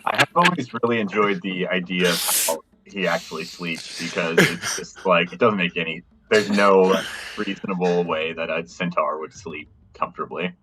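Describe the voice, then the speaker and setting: A man playing a tabletop game, talking casually and haltingly as he thinks aloud. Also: sits low, pushed and bright. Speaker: player.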